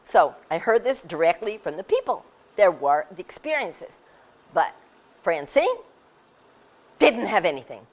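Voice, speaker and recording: A woman in her sixties telling her story in a casual, animated way, laughing often and acting out what people said. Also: on the low side, measured pace, long pauses. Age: 60s. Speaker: speaker sharing her experience. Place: community center hall.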